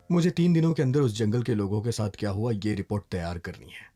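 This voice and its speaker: A man's voice: medium pitch, dark tone. An actor dubbing a confident male police investigator who lectures patiently and slips English phrases into his speech. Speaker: police officer. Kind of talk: dubbed film dialogue. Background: film score music.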